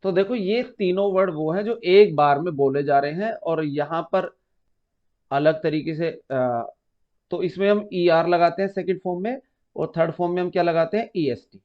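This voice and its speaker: A man's voice: a little high, normal speed. A man teaching an exam-prep grammar lesson, patiently explaining step by step, repeating key terms and calling students "beta.". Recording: muffled lo-fi recording.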